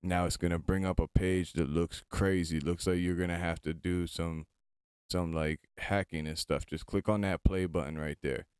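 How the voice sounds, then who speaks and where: Deep-voiced, casual man giving a tutorial. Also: steady tone, normal speed, a little mellow, clear, resonant tone, no echo, studio quality. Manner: informal, chatty, step-by-step instructing. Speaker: tutorial host. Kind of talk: casual screen-recorded tutorial.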